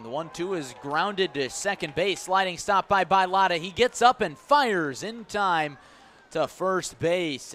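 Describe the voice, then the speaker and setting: With a somewhat high, slightly bright voice, a male announcer gives descriptive live radio play-by-play of baseball, raising his volume on the action. He's at an outdoor ballpark, and outdoor ambient noise runs underneath.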